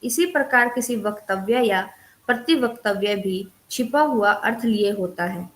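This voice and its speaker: A woman teaching an online class, working through her notes line by line and pausing to explain each term. Her voice sits at a middle pitch for a woman, and the talk moves at a steady teaching pace. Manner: reads from notes and explains terms. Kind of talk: online lecture. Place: recorded online counselling session.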